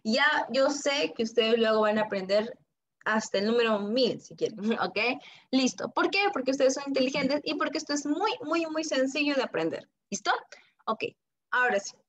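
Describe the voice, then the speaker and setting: A woman English teacher, teaching an online class to young children and drilling words slowly and patiently for them to repeat. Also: sits high, expressive. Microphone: computer mic on a video call. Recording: muffled video-call audio.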